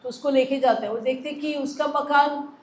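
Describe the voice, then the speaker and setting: High-voiced woman preacher telling a story. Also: brisk, reverberant, rough recording. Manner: lively narration with quoted dialogue, hesitant fillers. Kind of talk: sermon storytelling.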